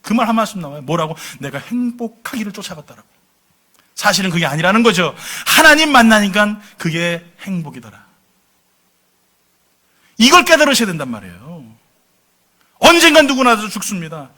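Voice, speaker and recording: A man's voice: sits high, big pitch swings, moderate pace, pauses often, sharp tone. A middle-aged man preaching a sermon to his congregation, telling his story with questions thrown to the listeners. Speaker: pastor. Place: church sanctuary.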